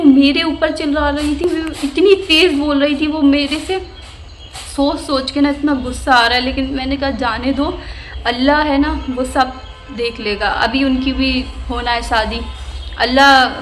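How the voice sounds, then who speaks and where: A woman's voice: fairly high pitch, slight background noise. A young woman vlogger telling a personal story, emotional and indignant. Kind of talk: storytime vlog.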